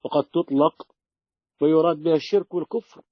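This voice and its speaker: Male teacher, high register, emphatic lecture delivery, dull lo-fi sound. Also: fairly quick, no echo. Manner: emphatic, piles up scripture quotations. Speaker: religious teacher. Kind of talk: explaining a classical text.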